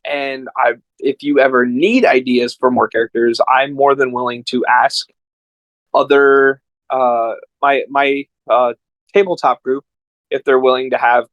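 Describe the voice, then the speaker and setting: A man appears as a podcast guest, an amateur voice actor chatting casually and telling stories in a rambling, enthusiastic way. His voice is medium-pitched with a fairly bright tone, and the recording is dry and rough.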